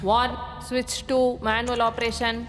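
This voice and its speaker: A woman voicing a female spaceship computer in dubbed film dialogue, announcing in a flat, mechanical way. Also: fairly high pitch, brisk, natural voice. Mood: alarm. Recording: long reverb.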